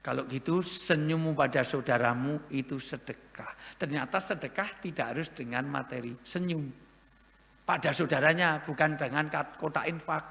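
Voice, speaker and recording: A man preaching a humorous sermon to an audience, lively and joking, with sudden loud emphasis. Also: a little high, moderate pace, creaky. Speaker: Islamic preacher. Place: large hall at an event. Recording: echoey hall with long reverb.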